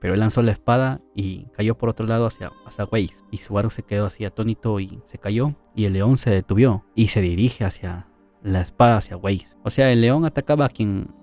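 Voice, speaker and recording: A man's voice: lowish voice, brisk, dark tone, soft background music. A man narrating a light-novel story summary in a casual, conversational way, with asides and tag questions.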